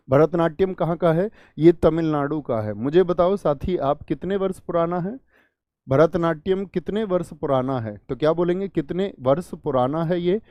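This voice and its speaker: A male exam-prep teacher runs through quiz questions, pitching his voice fairly high as he poses each question and then answers it. He keeps circling back to repeat the key fact, chatting to viewers like friends. The sound is dry and close, with no room echo. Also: darkish tone, dull audio. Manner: addresses viewers as brother and friend. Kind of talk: quiz-style general knowledge lesson.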